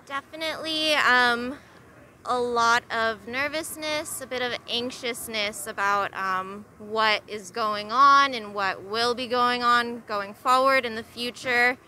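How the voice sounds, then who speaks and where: A woman's voice: a little high, slow, bright, forceful tone, slight background noise. A young woman candidly answering a street interviewer outdoors into a handheld mic, with a few hesitations. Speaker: passerby interviewee.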